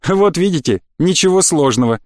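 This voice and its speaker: A smug male elf with arrogant, falsely polite manners, as a male narrator puts him on. His speech is smooth and condescending, pitched a little high. The sound is dry and close. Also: expressive, normal speed, darkish tone, no echo, lightly acted. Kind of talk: audiobook character voice.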